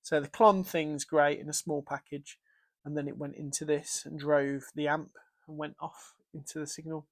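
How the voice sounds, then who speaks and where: A man's voice: a little high, level tone, normal speed. A British man casually walking through his guitar pedalboard setup, thinking aloud with fillers and restarts. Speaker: guitar gear presenter. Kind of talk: casual gear demo.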